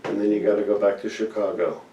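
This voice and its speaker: Echoey, low-voiced man explaining. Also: steady tone, quick pace, dark tone, highs cut off. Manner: explanatory, addresses viewers directly. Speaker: surgeon interviewing his patient. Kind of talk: patient testimonial interview with lay explanations. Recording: distant mic in echoey room.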